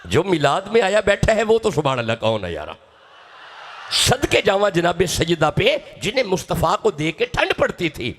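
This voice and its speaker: A man's voice: high voice, very animated, a bit bright, slight background noise. A man from Pakistan with a Punjabi accent, preaching an emotional sermon, dramatic and urging his audience to respond.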